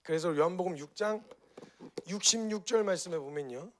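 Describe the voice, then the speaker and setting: Fast-talking animated male preacher. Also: sits high. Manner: animated storytelling, acting out voices in the story. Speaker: pastor. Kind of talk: sermon.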